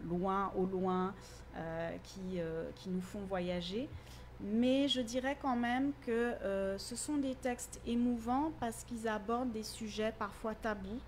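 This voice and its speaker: A woman's voice: mid-range voice, slight background noise. Articulate woman teacher explaining. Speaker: literature teacher. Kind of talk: radio interview guest.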